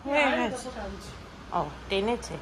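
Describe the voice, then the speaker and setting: A woman's voice: on the high side, takes it slowly, a crowd in the background, rough recording. A young woman from West Bengal chatting to viewers in a casual daily-life vlog while she does chores at home. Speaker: vlogger. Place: home, indoors.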